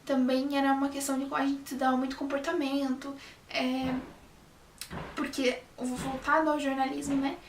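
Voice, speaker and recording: A journalism student in young adulthood chats casually to camera, her high voice level in tone and moderate in pace. She often backs up and restarts her sentences, peppering them with "sabe?". The audio carries slight hiss or hum and room echo from a mic placed a bit far off.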